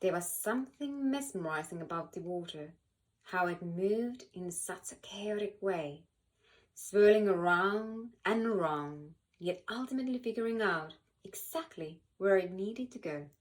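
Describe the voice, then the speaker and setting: This is a woman's medium-pitched voice as she reads a picture book for kids in her role as a volunteer reader. The delivery is animated and expressive, punctuated by dramatic pauses and emphasis.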